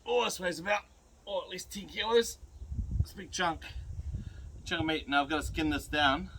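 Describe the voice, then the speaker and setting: A man's voice: a little high, moderate pace, fairly bright tone, slight background noise, poor audio. A middle-aged man with a broad New Zealand accent, chatting casually and giving laid-back, colloquial instructions as he works. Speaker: host demonstrating butchery to viewers. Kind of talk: casual chat while working.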